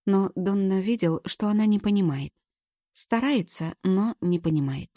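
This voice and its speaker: Audiobook narrator, woman, steady delivery, dark tone, dry studio sound. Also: medium pitch, normal speed, no echo. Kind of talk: scripted narration.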